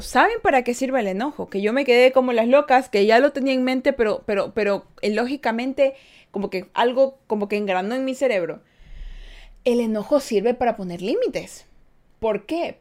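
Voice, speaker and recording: Chatty woman host, higher voice. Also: a little mellow. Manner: conversational, reads listener comments, acts out quoted parents. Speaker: podcast host. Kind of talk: casual podcast chat with listeners.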